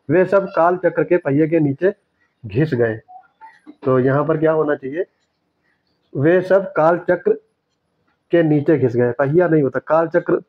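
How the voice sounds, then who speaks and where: Man slowly correcting exam answers. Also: mid-range voice, no echo. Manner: explains step by step, repeats corrected words slowly. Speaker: teacher. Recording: dry, dull lo-fi sound.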